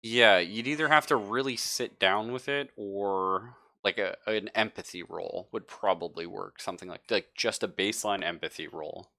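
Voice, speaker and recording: Game-mastering a tabletop horror game, a man with a deep yet bright, forward voice improvises the narration, chatty and emphatic, often paraphrasing as he explains. He talks at normal speed with few pauses, and there is no room sound.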